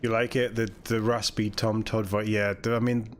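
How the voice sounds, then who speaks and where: A young man live-streaming a video game, chatting excitably with viewers and reacting as he plays. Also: lowish voice, moderate pace, slight background noise. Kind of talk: casual live-stream chat.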